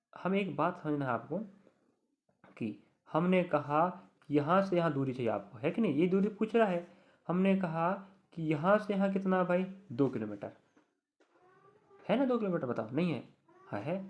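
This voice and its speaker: In a muffled, lo-fi recording, a young man who coaches students for exams leads an online reasoning class. His voice sits fairly high, and he talks right to his learners, repeating important words and offering steady reassurance.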